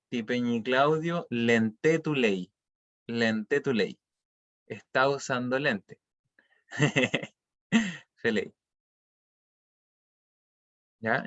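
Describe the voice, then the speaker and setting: A man's voice: medium pitch, a bit bright, highs cut off. A man teaching an online language class, explaining patiently and checking often that students follow.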